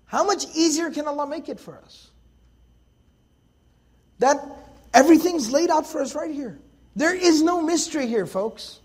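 Man, very high pitch, Quran commentary lecture, emphatic, rhetorical questions, conversational. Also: expressive, normal speed, long pauses. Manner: conversational, addresses listeners as folks. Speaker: Islamic scholar teaching Quran commentary.

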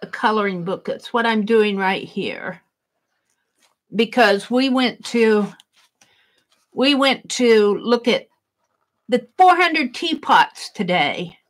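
Musing aloud as she draws, a woman chats to herself over an art journal at her craft table indoors at home. She speaks loudly and animatedly in a voice on the high side, slowly and with frequent pauses.

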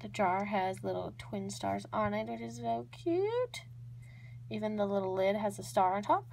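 A woman's voice: mid-range voice, expressive, moderate pace, creaky, a little mellow, a little hiss or hum. Gushing young woman showing miniatures. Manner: gushing, repeats words for emphasis. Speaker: toy unboxing vlogger. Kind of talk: casual show-and-tell narration. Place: indoors at a table. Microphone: off-camera voice over hands-on tabletop close-up.

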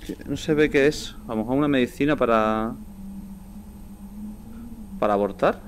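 A man's voice: mid-range voice, moderate pace, a little hiss or hum. Jumpy Castilian Spanish man streaming horror games. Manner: jumpy, sweary, blunt colloquial reactions. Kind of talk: live VR horror game commentary.

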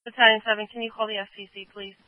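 A man's voice: high voice, flat delivery, racing, no room sound. A man working as a fire dispatcher on two-way radio, answering units in a clipped, procedural way. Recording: dull lo-fi fire radio audio.

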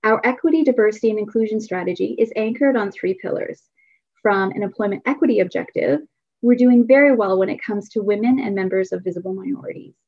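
Woman keynote speaker, measured formal delivery, dry close sound. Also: medium pitch, a little mellow, no echo, highs cut off. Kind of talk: prepared presentation.

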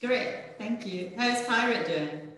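A dog training instructor leads a volunteer training call over video from a very echoey room. Her voice sits on the high side with a fairly bright tone, and she speaks slowly. She comes across as friendly but hesitant, filling her speech with frequent fillers.

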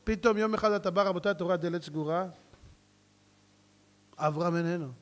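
Animated high-pitched male preacher. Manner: animated storytelling, swings between shouting and hushed asides. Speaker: rabbi. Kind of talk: sermon with jokes and acted dialogue.

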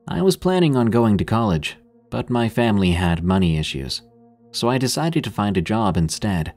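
A man with a deep, low voice narrates first-person horror stories. He tells them in a steady, measured way. Faint music runs quietly beneath his voice.

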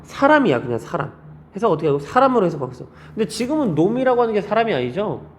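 A man teaching a class in a fairly high voice, firing rhetorical questions at his students and jumping up in pitch to stress key points. His delivery is lively and conversational, as in a classroom lecture. A faint background noise sits under the recording. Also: rapid-fire. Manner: lively, animated delivery with frequent pitch jumps. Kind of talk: classroom lecture on Korean grammar.

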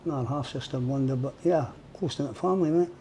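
A plain-spoken Scottish man in his fifties tells his story in a relaxed interview, his voice dark and mellow. He is blunt and drops "mate" into nearly every sentence. A faint hiss of noise sits under the lapel mic. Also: mid-range voice, fast talker. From Scotland. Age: 50s. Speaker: guest. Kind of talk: casual interview. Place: indoor studio with mural wall.

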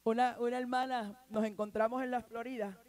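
A woman evangelist with a Puerto Rican accent preaching a fervent sermon, rising to shouted bursts of praise. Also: a little high, steady tone, brisk. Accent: Puerto Rican Spanish. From Puerto Rico.

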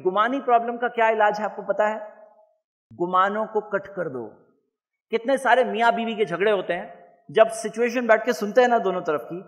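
A man giving a religious lecture to an audience, animated, asking questions and having the crowd repeat his points. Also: sits high, big-room sound. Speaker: Islamic lecturer.

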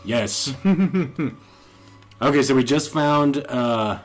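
Dude co-hosting a let's play, crude jokes, laughs all the time, mid pitch. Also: male voice, lively intonation, extremely slow, faint music behind. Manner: crude, joking, laughs a lot. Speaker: co-host. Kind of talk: casual gameplay commentary.

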